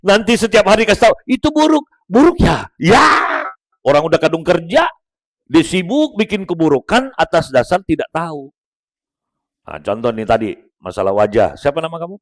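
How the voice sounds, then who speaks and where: A man's voice: a little high, lively intonation, fairly quick. A man giving a humorous religious motivational talk, joking with his audience and coaching them one by one. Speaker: motivational speaker.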